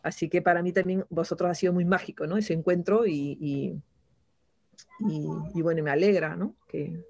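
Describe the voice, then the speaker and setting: A woman's voice: fairly low pitch, fairly even intonation, normal speed, gravelly, darkish tone, no echo. Reflective woman with tag questions. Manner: reflective, frequent "¿no?" tags and restarts. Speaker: interview guest. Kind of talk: casual conversational interview.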